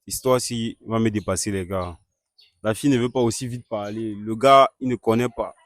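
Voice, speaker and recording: A man hosting a staged street-interview skit, questioning a couple and repeatedly urging an angry guest to calm down. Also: fairly low pitch, moderate pace, dry recording, clean studio sound. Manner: keeps urging calm, repeats calming phrases.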